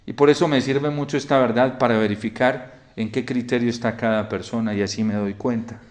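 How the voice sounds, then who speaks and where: A male priest preaching a homily in a storytelling manner, often falling to a quiet hush. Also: medium pitch, steady tone, fairly quick. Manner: storytelling, drops to a soft hush in quoted lines.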